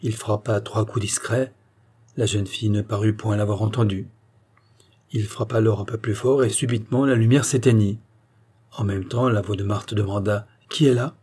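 A man reading a novel aloud as narrator in measured storytelling. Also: lowish voice, steady tone, warm tone, breathy edge. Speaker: audiobook narrator. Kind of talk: scripted narration.

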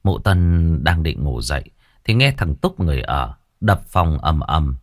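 A man narrating a ghost story in an expressive, dramatic storytelling manner. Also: extremely low pitch, unhurried, no echo, studio quality.

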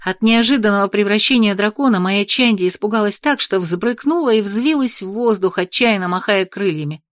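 A woman reads a fantasy tale in the first person, lively and expressive in her telling, at a middle pitch. The recording is close and dry, with no room sound around her voice. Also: a little fast, no room sound. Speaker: audiobook narrator.

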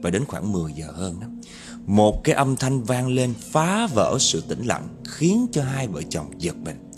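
A man's voice: lowish voice, sing-song, a little slow, music in the background. A man telling a spooky story dramatically and speaking directly to his listeners. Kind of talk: spoken horror storytelling.

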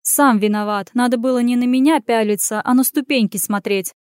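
A woman doing Anya, a frantic sharp-tongued young woman. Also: fairly high pitch, animated, moderate pace, no room sound, studio quality, close to an everyday voice. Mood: panicked. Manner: snappy, panicky shrieks.

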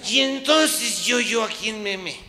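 A man's voice: high-pitched, expressive, slow pace, loud music behind the voice, voice pushed up. A man with a Mexican accent voicing a panicked middle-aged husband who stammers and repeats every word. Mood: bewildered. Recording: live hall recording, audience, echo.

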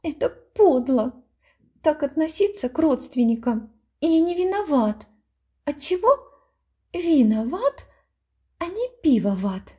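Woman doing a high cheeky schoolboy. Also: sing-song, unhurried, dark tone. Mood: tearful. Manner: high, wheedling nonsense questions. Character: cheeky schoolboy, stubborn, pouty.

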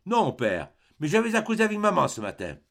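A man's voice: high voice, wildly swooping pitch, fairly quick, creaky, fairly bright tone, voice pushed up, heavily acted. A man reading an audiobook, voicing a polite, earnest young son.

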